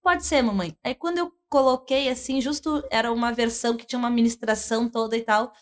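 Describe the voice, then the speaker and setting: Woman, 30s, church minister, earnest testimony, slightly high voice. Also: steady tone, fast. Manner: earnest, emotional storytelling with many fillers. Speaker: church minister, worship leader. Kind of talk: conversational testimony.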